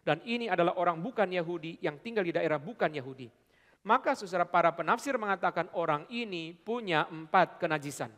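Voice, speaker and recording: A man preaches with fervor, calling out to his congregation and then dropping to hushed, tender passages. His voice sits high for a man. The sound rings with the long reverb of a church hall. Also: animated, brisk. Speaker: pastor. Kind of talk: sermon. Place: church sanctuary.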